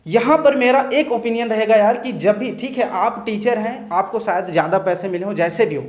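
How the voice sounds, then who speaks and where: A man's voice: high voice, a little fast. Earnest male teacher in an echoey room. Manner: earnest, repeats "theek hai" as a check-in. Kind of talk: opinion discussion.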